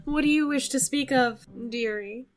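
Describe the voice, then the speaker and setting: A woman plays a male snake adventurer in a fantasy tabletop game, fairly high-voiced. He is courteous and vain, hesitating politely, with faint music behind. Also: normal speed, natural voice. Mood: polite, cautious. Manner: courteous, hesitant, gently condescending. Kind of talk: tabletop role-play.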